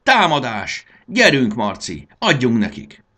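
A man voicing a tiny, brave and excitable fairy girl in a storybook reading, with high shrill cries. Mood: triumphant. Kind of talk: audiobook character voice.

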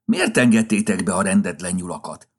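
A man's voice: low voice, husky, exaggerated voice. A man voicing a grumpy, flustered old Santa Claus in a storybook reading, with a scolding, impatient manner. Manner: scolding, then tender and excited.

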